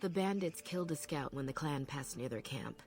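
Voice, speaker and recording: Game elf apprentice, female, proud and measured; low, husky, gravelly, faint music under. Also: expressive, darkish tone. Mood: solemn. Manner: measured, solemn, reflective.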